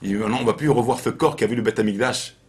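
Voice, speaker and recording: Man, rabbi, informal Torah lesson, animated storytelling, repeats phrases. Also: medium pitch, very fast.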